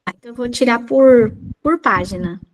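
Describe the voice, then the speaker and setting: Woman hosting a video call, higher voice. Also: normal speed. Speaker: online meeting host.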